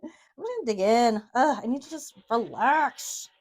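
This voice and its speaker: A woman's voice: a little high, animated, unhurried. Chatty woman rambling while sewing. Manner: rambling, self-deprecating, giggly. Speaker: crafting video host. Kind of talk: casual brainstorming chat while sewing.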